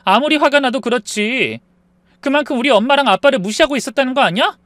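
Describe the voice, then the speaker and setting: A man voicing an upset young wife who argues in a shrill, raised, accusing voice. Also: fast talker, a bit bright, no echo. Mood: angry.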